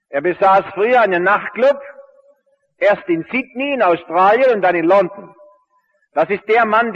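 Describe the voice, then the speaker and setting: A man's voice: high voice, big-room sound, highs cut off. A male pastor telling a story from the pulpit, earnest, acting out the dialogue he quotes. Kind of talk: storytelling sermon.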